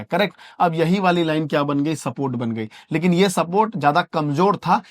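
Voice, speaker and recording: A man's voice: a little high, dry recording, clean studio sound. A man teaching trading over a chart, who keeps asking rhetorical questions, answers them himself and checks in with "correct?", speaking. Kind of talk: chart lesson screen narration.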